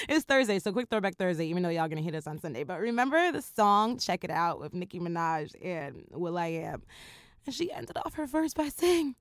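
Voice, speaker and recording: A woman's voice: lowish voice, sing-song, normal speed, no echo, clean studio sound. A woman in her thirties hosting a solo podcast, talking casually with slang, laughter and swearing. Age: 30s. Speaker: podcast host.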